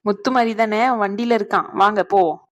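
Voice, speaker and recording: A woman voicing a brisk, joking aunt in a cartoon. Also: medium pitch, a bit bright, natural voice. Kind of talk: cartoon voice acting.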